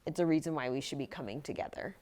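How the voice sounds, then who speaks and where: A young woman in casual podcast chat with her partner, reflective and soft-spoken. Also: low voice, fast talker. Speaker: podcast co-host.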